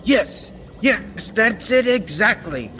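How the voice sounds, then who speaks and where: A teenage or young adult student actor gives a full character voice as an earnest, proud scientist-inventor in an old-time radio serial. His voice is high-pitched and he takes it slowly, explaining in a formal, technical manner. The recording has a reverberant hall and steady background noise.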